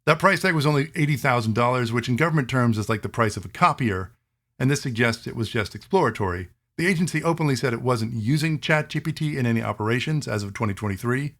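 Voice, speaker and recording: A man speaks in an easygoing, explanatory monologue as the host of his own show. His voice sits in an ordinary middle register. He speeds up for quick asides and slows down to spell things out. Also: medium pitch. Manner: conversational, animated asides, quick bursts then slowing to spell terms.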